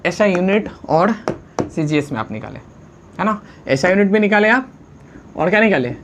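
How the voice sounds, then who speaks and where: A man teaching a science lesson, constantly asking the class questions and answering them himself, urging students to write fast and mixing English unit names into his talk. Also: sits high, lively intonation, background noise. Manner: urges students to write quickly, calls them friend.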